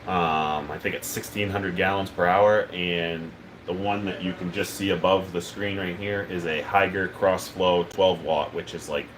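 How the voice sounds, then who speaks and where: Low-voiced man chatting on a livestream. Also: measured pace, slight background noise. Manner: relaxed, rambling, many ums and uhs. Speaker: livestream host. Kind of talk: casual live-stream chat.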